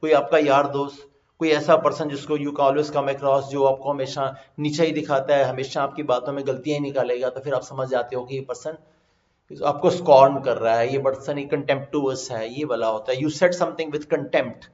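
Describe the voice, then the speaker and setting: A man with an Indian accent teaching vocabulary over slides, mixing Hindi and English and slowly repeating his explanations. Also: mid-range voice, steady tone, darkish tone. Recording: echoey, slightly dull recording.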